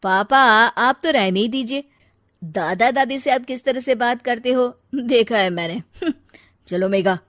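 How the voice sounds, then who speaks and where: A blunt young husband from a cartoon speaks firmly and matter-of-factly, as a woman voices him. The voice stays fairly high for a man and the recording is dry. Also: measured pace, no echo, natural voice. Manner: firm, matter-of-fact. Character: young married son, firm and blunt. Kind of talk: cartoon voice acting.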